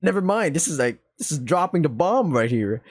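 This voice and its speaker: Animated man with slangy gaming commentary. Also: on the high side, brisk, husky, no room sound. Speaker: gamer playing a visual novel. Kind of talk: casual gameplay commentary with reading aloud.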